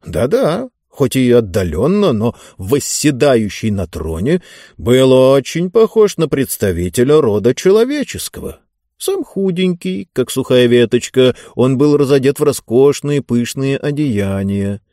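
Expressive male storybook narrator. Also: mid-range voice, a little slow, dry recording, studio quality. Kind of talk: scripted audiobook narration.

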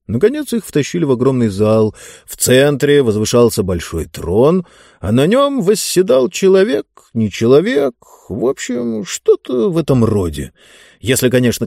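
Man, audiobook narration, wildly animated pitch, dry close sound. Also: vocal fry, no room sound. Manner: highly expressive storytelling.

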